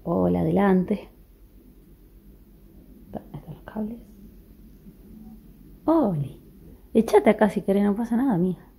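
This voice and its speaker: A young woman vlogs casually from her rural house, her voice low and weak from illness, often half-whispering and cooing at dogs. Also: lively intonation, a little slow, vocal fry, long pauses, dark tone, husky. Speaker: vlogger. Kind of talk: casual vlog narration. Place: rural house, partly outdoors.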